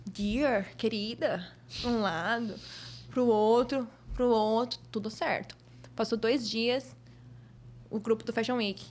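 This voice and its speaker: A young woman with a Brazilian Portuguese accent, a fashion model telling stories as a podcast guest in a lively, expressive way. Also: a little high, a little slow. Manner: lively, expressive, acts out other people's voices. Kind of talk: casual storytelling in a podcast interview.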